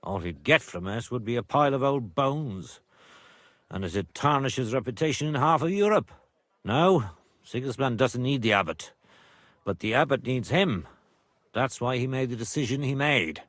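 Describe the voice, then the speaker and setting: An actor playing a proud older nobleman and father in a medieval video game, speaking gravely and formally. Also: mid-range voice, expressive, normal speed, fairly bright tone, no echo, close to an everyday voice. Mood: firm. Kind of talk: video game dialogue acting.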